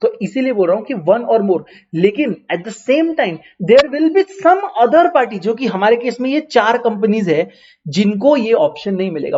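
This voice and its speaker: This teacher, a man with an Indian accent, delivers an online lecture in a high, slightly mellow voice captured on a muffled recording. He answers his own questions, repeats key terms over and over, and blends English terminology into Hindi.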